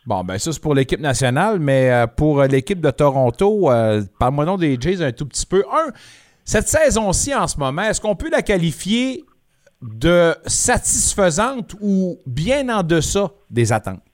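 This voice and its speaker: A man hosting a sports talk radio show, with a punchy, lively delivery. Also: a little high, normal speed.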